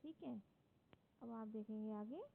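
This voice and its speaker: Indian woman teacher, slightly high voice, slow and patient grammar lesson, phone-quality audio with faint hiss. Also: vocal fry. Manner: patient, explains step by step with frequent "है ना?" checks.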